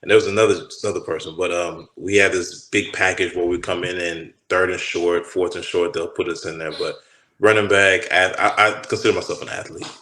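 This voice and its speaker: A low-voiced Texan man, sounding like an ex-football player guesting on an interview, swaps stories from his playing days in casual talk. He speaks briskly yet rambles, looping back and restarting sentences, and the room's echo is audible around him.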